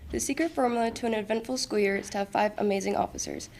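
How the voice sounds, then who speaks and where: Casting: teenage female candidate, rapid scripted speech, lots of vocal fry, faint background noise. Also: mid-range voice, darkish tone. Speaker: student election candidate.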